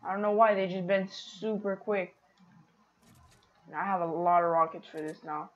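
A woman giving casual, excitable commentary on her own gameplay, talking to her viewers. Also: on the low side, moderate pace, dull audio. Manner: chatty, excitable, talks to viewers. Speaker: gaming streamer.

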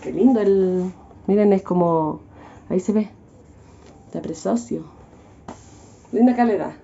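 A woman's voice: medium pitch, measured pace, gravelly, mellow. A young adult woman with a Chilean accent chatting casually as she cooks at home, ranting in a joking, exasperated way. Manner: exasperated, joking rants with frequent laughs. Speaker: vlogger. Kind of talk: casual cooking vlog chat. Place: home kitchen. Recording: echoey, dull-sounding room.

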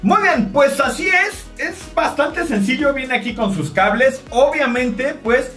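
A man's voice: very high-pitched, a little slow. Mexican man, thirties, jokey vlogger, echoey bathroom, faint music. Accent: Mexican Spanish. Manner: jokey, excitable, addresses viewers directly. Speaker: product-testing vlogger. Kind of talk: casual on-camera product test. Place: home bathroom and shower, indoors. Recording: roomy, distant, faint music.

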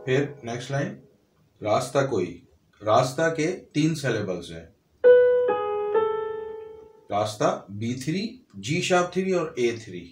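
A man's voice: medium pitch, big pitch swings, measured pace, long pauses. Man teaching piano in an echoey room. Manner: explains step by step, counting notes aloud. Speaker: music teacher. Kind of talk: piano tutorial.

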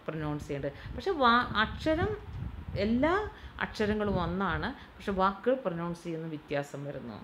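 A woman's voice: on the low side, slight background noise, poor audio. A woman instructor teaching a class in a Malayali English accent, repeating words and spelling them out letter by letter. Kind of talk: classroom lesson explaining English pronunciation. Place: training institute classroom.

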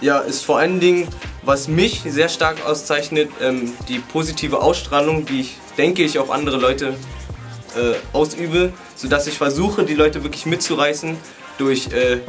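A 21-year-old man and hip hop dancer, speaking calmly and in a measured way in a casual interview, with occasional fillers. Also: on the high side. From Germany. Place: indoors beside a wooden wall. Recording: music playing under the voice.

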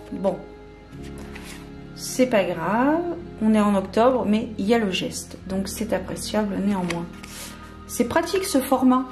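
Woman vlogger, hesitant and chatty, slightly high voice, roomy echo. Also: darkish tone. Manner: hesitant, many fillers and restarts. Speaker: vlogger unboxing candles. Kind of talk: casual unboxing chat. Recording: echoey room with faint music.

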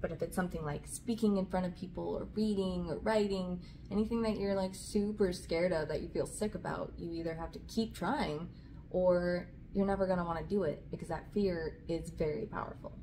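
Reading storybooks aloud for children and chatting casually, this woman in her thirties has a lowish, dark voice, a steady tone and a fairly quick pace. A camera about an arm's length away records her in a small room with a curtain behind her. The recording is rough, and room noise comes through clearly.

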